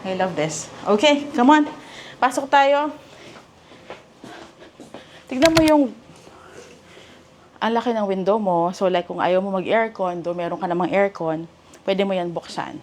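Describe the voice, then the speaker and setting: A woman's voice: medium pitch, a little slow, pauses often, slight background noise. A woman with a Filipino accent hosting a house tour, chatty and enthusiastic, exclaiming often as she walks through rooms. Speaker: property tour host.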